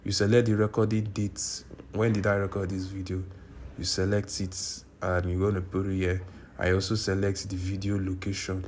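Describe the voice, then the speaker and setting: A man from Nigeria speaks at a moderate pace in a low, monotone, darkish voice while recording a screen tutorial for YouTube at his indoor computer. A little hiss or hum is audible, and he repeats himself insistently, correcting his words along the way.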